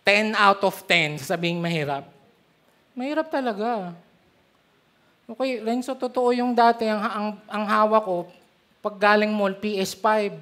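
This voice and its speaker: A middle-aged man with a Filipino accent, preaching a sermon as pastor with animated storytelling. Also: sits high, unhurried, pauses often. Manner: animated storytelling, switching between Tagalog and English.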